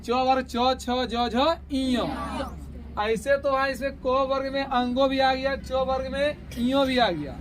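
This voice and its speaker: High-voiced man teaching a grammar lesson. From India. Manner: asks students questions and answers himself; drawn-out sounding of letters.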